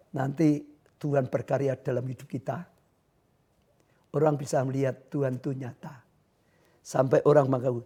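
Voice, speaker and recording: A man preaching a livestreamed sermon, shouting fervently at times and then dropping to a quiet voice. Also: mid-range voice. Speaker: pastor.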